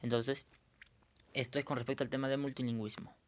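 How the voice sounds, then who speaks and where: A man's voice: medium pitch, level tone, fast. A male teacher going over a review lesson, explaining step by step and often checking in with his students.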